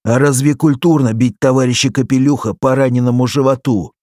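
A man's voice: mid-range voice, fairly even intonation, fairly quick, darkish tone, no room sound, clean studio sound, pitched above the performer's own voice, natural voice. A man voicing a simple, clumsy village militiaman who keeps making excuses. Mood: defensive.

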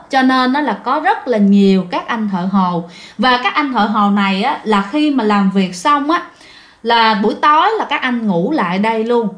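A woman narrates a ghost story in a casual, chatty manner. Her voice sits high, and she keeps turning to address her listeners directly.

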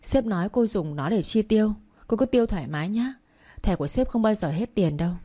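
A woman's voice: mid-range voice, lively intonation, a little fast, warm tone, natural voice. A woman voicing a friendly, helpful male assistant who speaks plainly. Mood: informative.

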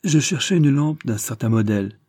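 A man reading an audiobook plays a composed blind gentleman detective, soft-spoken and dryly ironic. He is lifted a little above the reader's own voice, with a dark, husky tone and a dry, close sound. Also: medium pitch, animated, moderate pace, dry recording, voice pushed up, lightly acted. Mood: smooth. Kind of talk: audiobook character voice.

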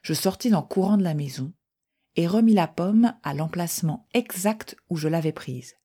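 A woman calmly reading a first-person short story aloud in a measured voice. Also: on the low side, breathy edge.

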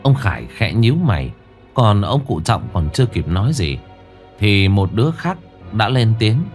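A man narrating a ghost story in an expressive, dramatic storytelling manner. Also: fairly low pitch, normal speed, soft background music.

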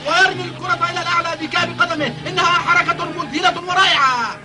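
A man playing an excitable, amazed football commentator in an animated series, exclaiming dramatically. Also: extremely high pitch, fast, a loud crowd. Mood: thrilled. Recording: loud music under the voice. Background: loud music.

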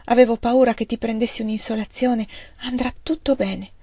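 A woman's voice: a little high, steady tone, moderate pace, mellow, husky, dry recording. A woman voicing a frightened young pioneer wife and mother in a read-aloud story. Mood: soothing. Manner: soothing, then screaming in panic. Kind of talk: audiobook reading.

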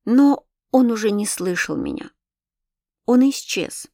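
A woman narrating a novel aloud, telling it with rising feeling. Her voice sits at an ordinary pitch. The sound is dry and close to the mic. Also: moderate pace, no echo. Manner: expressive, emotional storytelling. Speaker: audiobook reader. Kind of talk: scripted narration of a classic novel.

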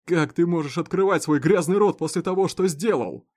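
A man voicing an enraged grieving farmer who shouts in fury, in a read-aloud story. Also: fairly high pitch, big pitch swings, normal speed, voice pushed up. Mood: furious. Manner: shouting, furious.

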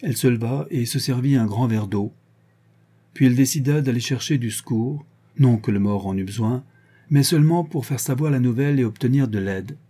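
A man narrating an audiobook in a measured storytelling manner. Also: medium pitch, warm tone, husky. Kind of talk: audiobook reading.

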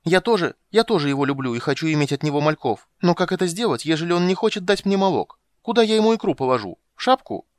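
A man voicing a vain, shrill female sea siren who talks in a sing-song, indignant way. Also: animated, fast, few pauses, no room sound, natural voice.

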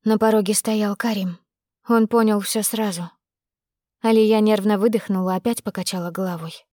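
A woman narrating a first-person novel as an audiobook. She keeps an intimate, brisk storytelling pace in a medium voice. The recording is dry and close. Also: mid-range voice, fairly even intonation, warm tone, no room sound.

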